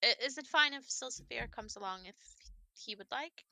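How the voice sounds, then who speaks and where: An earnest, polite young adventurer offering to come along. She is played by a woman in a tabletop game. The voice is very bright and a little high, recorded dry and close. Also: lively intonation, normal speed, vocal fry, no echo, full character voice. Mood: eager. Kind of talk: tabletop role-play voicing.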